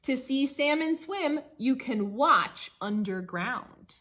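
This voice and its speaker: A teacher reads a rhyming picture book to children in a high-pitched, singsong voice with lively intonation and a fairly bright tone, pausing for short asides to involve them. There's a little hiss or hum in the recording.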